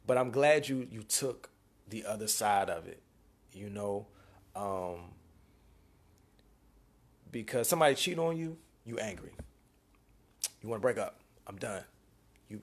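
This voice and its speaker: A man reading viewer questions and answering them on a live stream, speaking in a laid-back, slangy way. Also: medium pitch. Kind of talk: casual live-stream chat.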